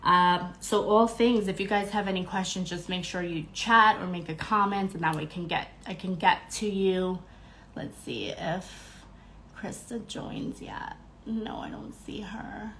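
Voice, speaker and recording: A bubbly young podcast host greets her live-stream viewers by name, using fillers as she chats casually. Though congested and a little nasal, her medium-pitched voice is fairly bright and unhurried. Slight background noise can be heard.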